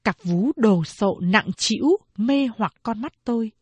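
Husky-voiced woman reading a novel. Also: fairly high pitch, no echo. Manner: steady, measured storytelling. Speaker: narrator. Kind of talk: audiobook narration of a novel.

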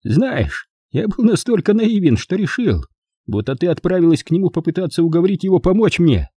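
A man's voice: high voice, very animated, brisk, mellow, husky, no echo, clean studio sound, pitched above the performer's own voice, full character voice. A man reading an audiobook, voicing a sneering young man with a gun who mocks and drawls in a nasty way. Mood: mocking. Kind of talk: audiobook character voice.

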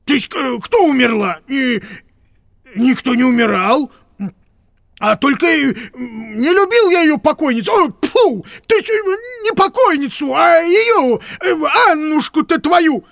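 A woman's voice: sits high, lively intonation, unhurried, vocal fry, voice pushed up, heavily acted. Woman reading as a fussy, muddled old clerk. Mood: flustered. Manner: rambling, stammering, fretful. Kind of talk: audiobook reading.

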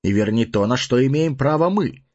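A man reading an audiobook voices a grave, measured man negotiating calmly. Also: mid-range voice, lo-fi sound, voice pushed up, close to an everyday voice. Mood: reasoning. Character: calm grave male envoy, negotiating.

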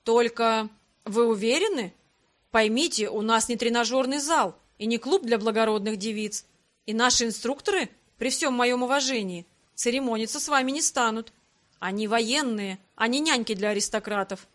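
A woman voicing a male military captain who speaks in a blunt, deliberate way. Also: a little high, a bit bright, natural voice.

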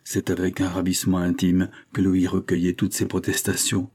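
A man reading a classic novel aloud in measured, even storytelling narration. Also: low-pitched, breathy edge. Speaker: audiobook reader.

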